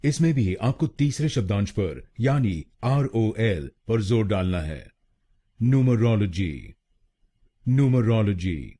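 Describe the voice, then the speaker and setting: A man's voice: lowish voice, lively intonation, measured pace, hardly any pauses, warm tone. A man from India narrating a scripted pronunciation tutorial, breaking words into syllables and repeating each one. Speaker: pronunciation teacher.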